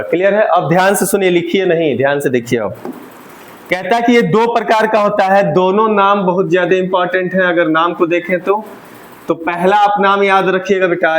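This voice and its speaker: High-voiced male teacher drilling a class. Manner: repeats questions to the class and has them answer back. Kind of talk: classroom Hindi lesson. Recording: roomy classroom echo.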